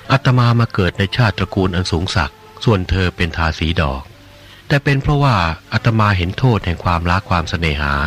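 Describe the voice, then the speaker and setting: A man voicing a calm, gentle monk in an audiobook reading of a religious novel, teaching in a measured, gently admonishing way. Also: on the low side, natural voice.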